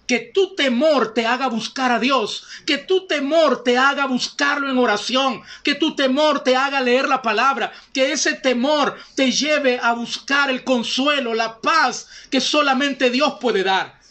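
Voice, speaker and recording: High-voiced man preaching fervently. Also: a little slow, hardly any pauses, sharp tone. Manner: fervent preaching, addresses listeners as brothers and sisters. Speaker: pastor. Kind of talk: sermon.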